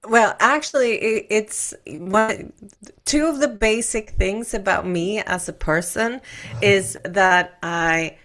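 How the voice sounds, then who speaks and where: A middle-aged Swedish woman with an American accent chats casually and candidly as a podcast guest and tech expert. Her voice is medium-pitched, slow, and fairly bright.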